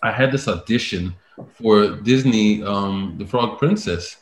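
A man, a voice-over artist and actor, telling stories as a guest in a casual interview, lively and laughing often, full of fillers and restarts. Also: lowish voice, unhurried, echoey room, slight background noise.

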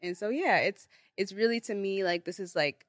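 A young Nigerian woman whose first language is Igbo, the founder of a beauty brand, chats casually as a guest on a studio podcast interview. Her medium-pitched voice moves at normal speed, studio-miked with no room sound, and she uses plenty of "like" and "um."

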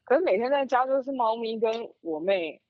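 A woman's voice: fairly high pitch, expressive, normal speed, no room sound, narrow, tinny audio. A woman with a Taiwanese accent chatting casually as a podcast co-host, recorded remotely at home on makeshift gear.

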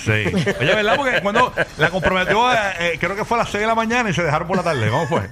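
A man's voice: sits high, quick pace. A man with a Puerto Rican accent hosting a radio show in casual, joking banter, laughing often and acting out the people he quotes. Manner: animated, laughing, acts out quoted voices.

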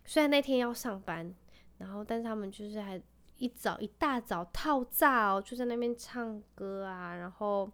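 A woman's voice: medium pitch, normal speed, a bit bright, smooth. A woman in her thirties hosting a podcast, chatting casually and tenderly about family life, laughing often. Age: 30s. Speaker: podcast host. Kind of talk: casual chat.

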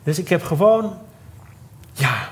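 A man on a theatre stage telling a personal story in an emotional, halting way, often breaking off and starting again. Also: a little high, sing-song. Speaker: guest storyteller. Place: theatre stage before a live audience.

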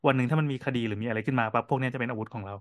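Fast-talking podcast guy. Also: medium pitch, dry recording. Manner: quick, animated storytelling with frequent fillers. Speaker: podcast co-host and cafe owner. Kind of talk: casual podcast chat.

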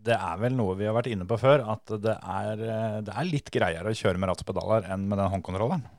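A man's voice: on the low side, a little mellow, no room sound, clean studio sound. A man hosting a podcast, leading the talk with easygoing questions. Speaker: podcast host. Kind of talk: casual podcast chat.

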